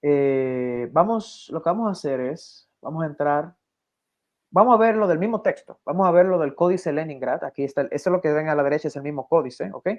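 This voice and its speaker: A man's voice: a little high, brisk. A man explaining ancient Hebrew text in an interview, teaching step by step and often checking in with the listeners. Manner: patient, repeats himself, checks in with "¿ok?". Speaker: guest explaining biblical Hebrew. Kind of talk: teaching over a shared screen.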